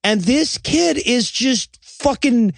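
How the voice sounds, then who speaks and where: A man's voice: extremely high pitch, lively intonation, slow, creaky, dry recording. A man co-hosting a podcast, giving a profane, wry scene-by-scene movie recap. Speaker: podcast co-host. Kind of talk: casual comedic movie recap.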